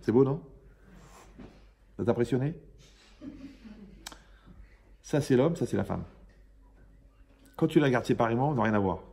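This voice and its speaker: Male rabbi, informal religious lesson to a live room; gravelly tone, jokey, conversational teacher. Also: medium pitch, lively intonation, normal speed, long pauses, a little mellow. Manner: joking, conversational, quizzes the audience.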